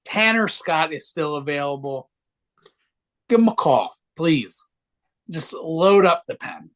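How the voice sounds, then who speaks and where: A man's voice: on the high side, lively intonation, slow, a bit bright. A young man co-hosting a casual sports podcast, brash, joking and swearing freely. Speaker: podcast co-host.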